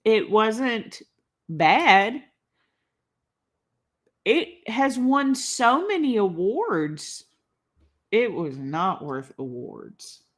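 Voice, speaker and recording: In a casual live-stream chat as she builds a toy, a woman rambles and laughs often. Her medium-pitched voice is sing-song, with drawn-out words and long pauses, and she's a little congested.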